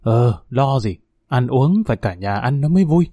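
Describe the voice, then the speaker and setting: Male narrator as a kindly old father-in-law, reassuring, warm low tone. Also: lively intonation, moderate pace, breathy edge, dry recording, clean studio sound. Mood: fatherly. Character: older father-in-law, kindly, fretting grandfather.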